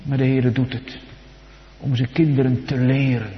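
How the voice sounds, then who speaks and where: A man preaching a sermon in a solemn cadence, his voice swelling loud and high for quoted psalms and sinking low and soft in between. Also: little pitch movement, normal speed. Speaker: pastor. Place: church. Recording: dull sound with long church reverb.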